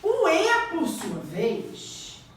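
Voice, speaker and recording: Speaking extremely slowly with huge pitch swings, a Brazilian woman with a high-sitting voice runs a classroom grammar lesson and quizzes students with rising questions. Her accent is Brazilian Portuguese, and the distant mic captures an echoey room with slight background noise.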